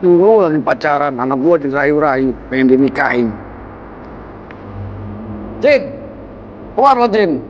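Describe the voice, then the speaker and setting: A man's voice: fairly high pitch, animated, unhurried, pauses often, highs cut off, slight background noise. A man playing an angry middle-aged father confronting his son-in-law in a film. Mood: furious. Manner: scolding, insistent, confrontational. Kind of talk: low-budget film acting.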